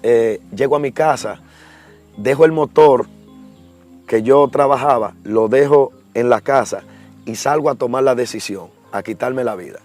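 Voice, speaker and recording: A young man tells his personal testimony in a middle-pitched voice. He is earnest and acts out the voices of the people in his story. Soft music plays faintly behind him. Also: measured pace. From Dominican Republic. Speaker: guest giving a testimony.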